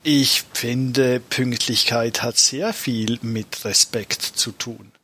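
A man hosting a comedic panel show, questioning the guest in a brisk, mock-strict way. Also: mid-range voice, fairly even intonation, bright, forceful tone, breathy edge. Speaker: host.

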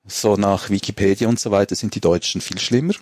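A man, talking calmly as a guest on a comedic panel show. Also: lowish voice, fairly quick, no echo. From Switzerland. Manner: relaxed, reads a letter aloud.

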